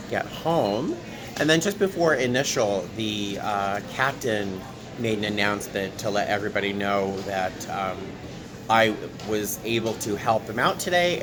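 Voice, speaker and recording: A tired man chatting casually to his handheld camera as a flight attendant vlogger, recorded in an airport terminal. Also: on the low side. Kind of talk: casual vlog chat to camera. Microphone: handheld camera at arm's length. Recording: clear airport background noise.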